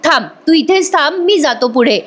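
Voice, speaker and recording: A woman's voice: high voice, expressive, pitched above the performer's own voice. Woman reading a cheerful family man. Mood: fond. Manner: plain read-aloud dialogue, slightly slowed. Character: middle-aged family man, cheerful and fond.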